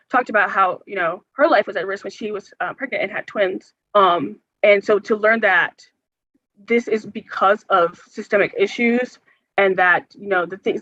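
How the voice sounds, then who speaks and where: A woman's voice: mid-range voice, fairly bright tone, dry recording. A young woman from the United States, an organizer, earnestly answering forum questions with many hesitations and filler words. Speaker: health care organizer, forum guest speaker. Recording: dull, muffled sound.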